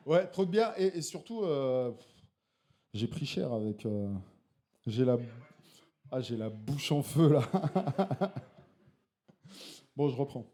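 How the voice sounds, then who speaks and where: With a mellow mid-range voice and lively intonation, the man takes his time and pauses often. He's a slam poet and co-host, tipsy from beer, performing live at a slam venue with an audience and tossing in playful, laughing asides between verses.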